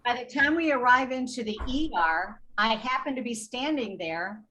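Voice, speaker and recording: A woman's voice: a little high, lively intonation, moderate pace, sharp tone, muffled recording, a little hiss or hum. A woman, a patient advocate guest on a podcast, retelling a tense hospital episode with indignation and acting out both sides of the dialogue. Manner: indignant, recounts exchanges in quoted dialogue. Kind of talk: podcast storytelling.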